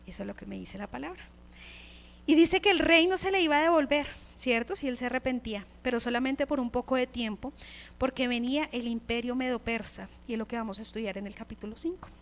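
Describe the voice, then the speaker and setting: A woman preaching a sermon, firing off rhetorical questions and answering in God's voice, and reading commentary passages aloud. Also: high-pitched.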